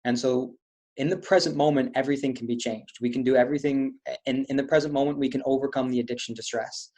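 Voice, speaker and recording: A webinar presenter leads an online stress-relief session, coaching listeners step by step through posture and breathing. His mid-range voice is steady, fast, and darkish in tone.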